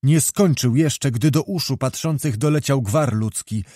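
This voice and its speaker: A man reading a historical novel aloud as an audiobook narrator, in an even, unhurried storytelling manner. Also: medium pitch, no echo, studio quality.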